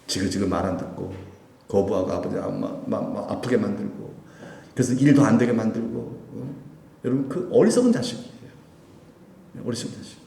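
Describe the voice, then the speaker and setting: A man's voice: on the low side, fairly quick, creaky, mellow. A man preaching a Sunday sermon, putting questions to the congregation as he goes. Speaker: pastor. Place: church sanctuary. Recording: echoey church hall with long reverb.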